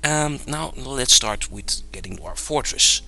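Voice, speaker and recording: Talking over his screen, a young man from the Netherlands casually walks through a game tutorial with a Dutch accent, rambling, using lots of fillers, and chuckling often. He has a mid-range voice and speaks a little slowly, and the recording quality is low.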